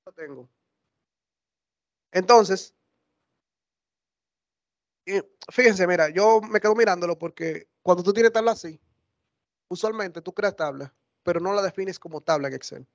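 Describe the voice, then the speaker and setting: A high-voiced man walks a class through a live software demo. His delivery is chatty and he often stops to correct himself mid-sentence. The sound is dry and close, with little room tone. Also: measured pace, pauses often, no echo. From Dominican Republic. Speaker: workshop instructor. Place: classroom or lecture hall.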